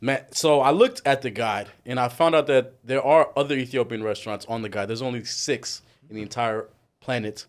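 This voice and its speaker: Young man, restaurant owner guest, energetic, enthusiastic, mid-range voice. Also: mid-range voice, fairly quick. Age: young adult. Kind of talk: casual interview chat.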